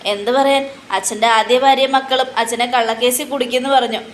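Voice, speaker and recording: A woman voicing a defiant, scornful young woman who talks in a sharp tone. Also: on the high side, steady tone, brisk, slight background noise, close to an everyday voice.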